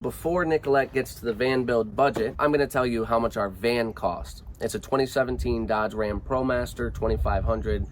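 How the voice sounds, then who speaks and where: A man's voice: medium pitch, moderate pace, few pauses. A man co-hosting a van-life vlog, speaking to viewers in a plain, informal, conversational way, recorded inside a camper van. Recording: clear background noise, ambience.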